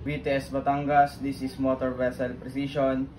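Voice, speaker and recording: A man playing a ship's radio officer, speaking in measured, formal radio procedure. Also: mid-range voice, completely flat delivery, darkish tone, natural voice. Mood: formal, steady. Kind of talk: formal scripted maritime radio exchange. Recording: very noisy background ambience.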